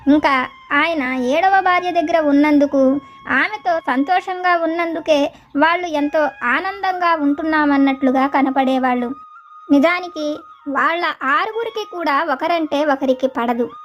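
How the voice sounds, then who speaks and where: High-voiced woman telling a folk tale. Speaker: storyteller. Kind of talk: scripted folk tale narration. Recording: dull lo-fi with faint music.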